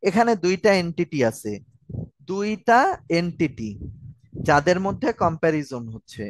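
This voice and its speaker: A man's voice: sits high, big pitch swings, normal speed, poor audio. A man giving an online grammar lecture, explaining step by step and answering viewer questions. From Bangladesh. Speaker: grammar tutor.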